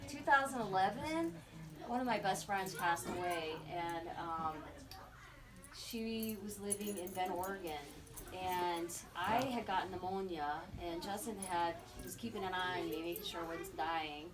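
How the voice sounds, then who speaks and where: Middle-aged woman telling a lively story. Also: lowish voice, measured pace. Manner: animated, acts out quoted voices, laughs often. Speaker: memorial speaker. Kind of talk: personal storytelling. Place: memorial gathering. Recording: distant mic with crowd around.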